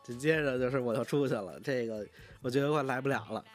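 A man's voice: medium pitch, fast talker. Rambling Beijing man swearing casually. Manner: profane, rambling, frequent restarts. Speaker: vlogger. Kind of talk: casual storytelling.

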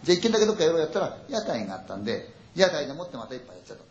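Older male storyteller, rapid-fire, animated, acts out the voices of scared friends; roomy, muffled recording. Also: fairly high pitch, a little hiss or hum. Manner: acts out friends' panicked dialogue, sound words. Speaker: ghost story teller. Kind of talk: spoken ghost story performance. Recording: echoey dull audio.

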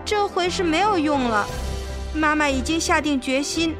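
A woman voicing a gentle young male cricket who speaks softly and sadly in a storybook reading. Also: sits high, expressive, normal speed, music in the background. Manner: soft, sorrowful, hushed.

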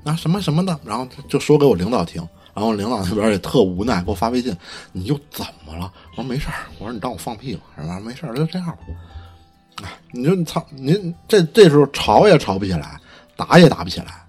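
A man talks at a rapid clip with a husky, slightly breathy voice, his pitch swinging widely as he tells stories. He swears freely and restarts his sentences in a heated, casual podcast chat. Faint music plays underneath. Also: very animated, darkish tone. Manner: profane, heated storytelling; stammering restarts. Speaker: podcast co-host.

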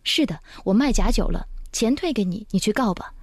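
A woman's voice: mid-range voice, expressive, fairly quick, husky, no echo, studio quality. A woman voicing a stern, caring young female shopkeeper in a love story read aloud, speaking coolly and curtly. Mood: scolding. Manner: cool, curt, scolding.

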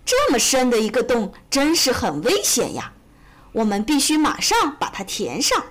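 A woman's voice: a little high, wildly swooping pitch, normal speed. A woman voicing an anxious, worried hare in a children's storybook.

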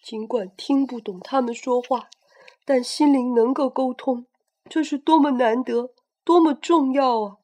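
A woman voicing a fierce but tender male tyrannosaurus, reading loud, heartfelt lines from a picture book. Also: high voice, unhurried, voice pushed up. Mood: moved.

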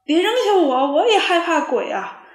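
A woman's voice: high voice, big pitch swings, takes it slowly, darkish tone, reverberant, voice pushed up, full character voice. A woman doing a stammering, cowardly wolf. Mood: panicked. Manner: stammering and panicky. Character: cowardly male wolf, a would-be bully.

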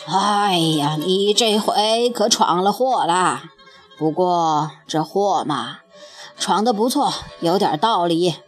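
A woman voicing a wise, amused old immortal master in a storybook tale, speaking slowly and knowingly. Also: fairly low pitch, lively intonation, soft background music, pitched below the performer's own voice. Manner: slow, knowing, chuckling.

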